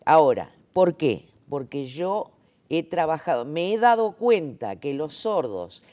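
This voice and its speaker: Low-pitched and dark in tone, this woman sounds very animated yet unhurried. Interviewed as a sign language interpreter, she lays out her opinions forcefully in conversation, peppering them with fillers and rhetorical questions to check understanding.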